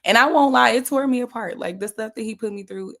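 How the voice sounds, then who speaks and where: A woman's voice: on the high side, quick pace, fairly bright tone. A woman, talking candidly as an interview guest and laughing often. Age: 30s. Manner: giggly, candid. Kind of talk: casual interview.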